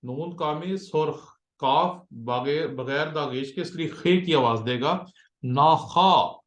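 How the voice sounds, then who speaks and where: A man's voice: on the high side, echoey room. A man teaching the Hebrew letters and vowels as a pastor, spelling them out one by one and often checking that the listener follows. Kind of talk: slow drilled Hebrew lesson in Urdu-Hindi.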